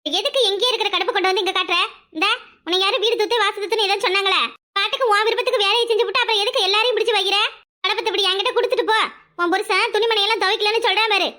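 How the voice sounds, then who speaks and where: A woman's voice: very high-pitched, fairly even intonation, racing, pushed and bright. A woman voicing a bossy, nagging village mother-in-law in a cartoon, scolding with a Kanyakumari Tamil accent. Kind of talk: cartoon voice acting.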